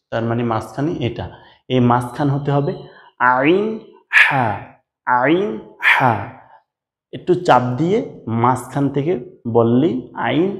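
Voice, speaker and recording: A Quran recitation teacher with a medium-pitched, slightly bright male voice gives a slow, step-by-step pronunciation lesson. He patiently drills letter sounds, repeating them and asking the listener, whom he calls brother, to say them back after him.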